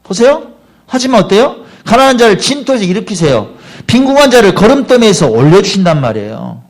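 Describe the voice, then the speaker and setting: A man's voice: high voice, sing-song, brisk. A middle-aged male pastor preaching a Sunday sermon at a church service, asking his congregation questions directly.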